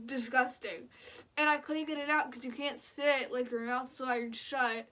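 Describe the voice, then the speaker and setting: The audio is poor in this casual vlog, where a young woman with a high, fairly bright voice recounts her own experience. She talks bluntly and in slang, scattering "like" throughout.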